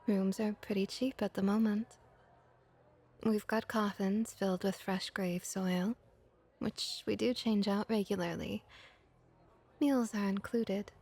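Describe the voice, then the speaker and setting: In a soft-spoken ASMR roleplay, a woman plays a friendly, comforting vampire innkeeper, her mid-range voice gentle, reassuring, and often whispery. She comes across as welcoming and helpful.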